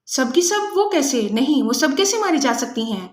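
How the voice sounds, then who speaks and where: A woman's voice: sits high, echoey room, voice pushed up, lightly acted. A woman voicing a terrified captive woman who stammers and begs for mercy under torture. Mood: pleading terror. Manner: halting, pleading, stammering.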